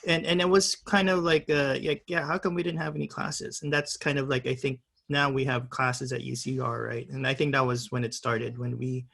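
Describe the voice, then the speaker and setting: Gravelly man moderating a video call. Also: medium pitch, level tone, moderate pace, hardly any pauses, fairly bright tone. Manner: upbeat, prompting others with questions. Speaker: panel moderator.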